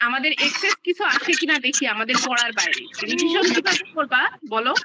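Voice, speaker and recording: A woman's voice: high voice, lively intonation, quick pace, very noisy. A woman teaching a live online class, explaining step by step with plenty of fillers. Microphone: video call.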